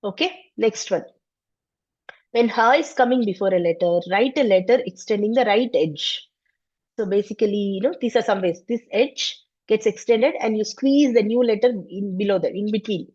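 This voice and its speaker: A woman's voice: mid-range voice, moderate pace, a little mellow. A woman teaching a Sanskrit class online, explaining patiently and step by step. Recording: slightly dull lo-fi audio.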